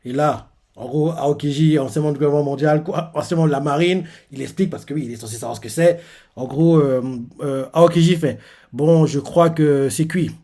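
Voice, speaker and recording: A man's voice: a little high, mellow. Young man recapping with many hesitations. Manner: hesitant, filler-heavy retelling with many pauses. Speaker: manga reaction streamer. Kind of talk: casual live chapter recap.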